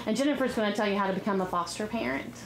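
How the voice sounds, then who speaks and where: A woman's voice: mid-range voice, rapid-fire, crowd noise. Businesslike woman in an echoey room. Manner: businesslike, gives figures. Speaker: child services staff, guest. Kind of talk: TV talk show guest. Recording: roomy echo.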